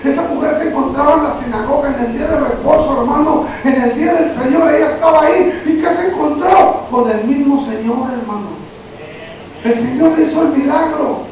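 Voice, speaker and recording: High-voiced preacher in an echoey room. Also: male voice, fairly quick, a little mellow. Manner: addresses listeners as brother constantly, retells Bible stories. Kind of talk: sermon. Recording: very echoey room, from far off, faint noise.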